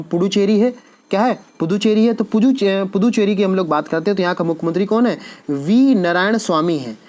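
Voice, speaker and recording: A man's voice: high voice, a little mellow. Male teacher quizzing and repeating answers. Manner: asks quiz questions and answers them himself; repeats key answers for emphasis. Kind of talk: exam-prep lecture.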